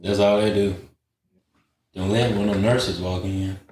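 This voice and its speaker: A man's voice: fairly low pitch, fairly even intonation, unhurried, a little mellow. A man on a podcast who makes short, laid-back, wry remarks in casual chat. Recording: echoey room, faint noise.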